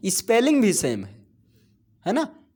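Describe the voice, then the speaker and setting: A man's voice: high-pitched, wildly swooping pitch, darkish tone, breathy edge. Male teacher quizzing his class. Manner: explains step by step, asking the class questions and answering them himself; mixes English terms into Hindi, reads English lines out slowly. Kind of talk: classroom-style grammar lesson.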